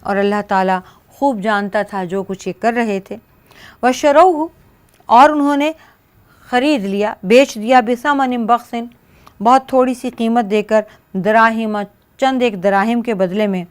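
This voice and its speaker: A woman teaching as a Quran scholar. She recites short phrases of scripture, then explains each one in measured steps. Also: medium pitch, smooth. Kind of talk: verse-by-verse scripture commentary.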